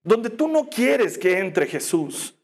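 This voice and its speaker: A male preacher delivers a sermon in a high-pitched voice. He tells the story in an animated way, slowing down to stress his key words. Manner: animated storytelling with slow emphatic phrasing.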